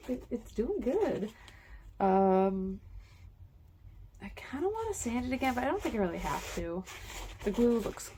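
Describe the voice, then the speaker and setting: A woman's voice: medium pitch, gravelly, darkish tone, slight background noise. A woman talking casually while she makes a craft prop, rambling and correcting herself with lots of fillers. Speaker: prop maker. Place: home workspace, indoors.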